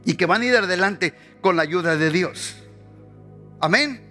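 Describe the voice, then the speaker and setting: High, bright-voiced pastor preaching. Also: male voice, animated, measured pace, soft background music. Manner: passionate preaching, repeating phrases, rising pitch on quoted voices. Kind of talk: sermon.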